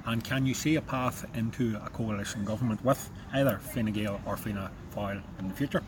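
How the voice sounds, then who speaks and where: A man putting measured political questions as a podcast interviewer. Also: fairly low pitch. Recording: clear background noise.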